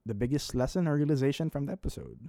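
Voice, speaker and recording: Co-host, man in his twenties, mellow tone, dry close sound, upbeat and laughing easily. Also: medium pitch, animated, rapid-fire, gravelly, no echo. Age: 20s. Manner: easygoing, laughs often, upbeat. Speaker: podcast co-host. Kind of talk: casual chat reviewing a drama.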